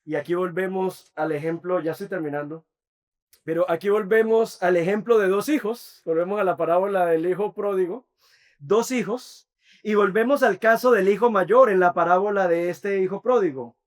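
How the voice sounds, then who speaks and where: Male pastor, high voice, earnest sermon delivery. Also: normal speed. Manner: earnest preaching, dropping to soft intimate tones.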